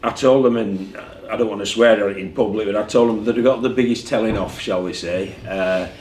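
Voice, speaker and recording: Candid coach, echoey room. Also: male voice, lowish voice, normal speed, darkish tone. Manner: candid, conversational, repeats words as he thinks. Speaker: rugby league head coach. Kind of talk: post-match press conference. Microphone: desk mic in front of him. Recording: echoey room with faint background hum.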